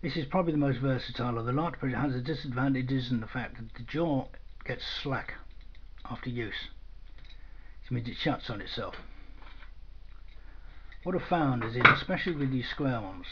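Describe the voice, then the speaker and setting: This man, a product demonstrator, speaks at medium pitch and a moderate pace while showing something hands-on at an indoor workbench. His delivery is casual, dry, and matter-of-fact. Captured on a camera mic, the audio is dull and lo-fi, with noticeable noise.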